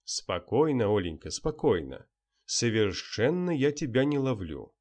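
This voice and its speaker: A composed male journalist speaks in a measured, even voice, read by a man narrating. He is patient and insistent. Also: medium pitch. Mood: soothing. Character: calm, persistent male journalist.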